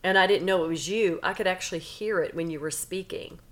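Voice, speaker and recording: A woman's voice: lowish voice, brisk, fairly bright tone. A woman in her fifties co-hosting a podcast, talking frankly and chattily. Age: 50s. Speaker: podcast co-host. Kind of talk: casual chat.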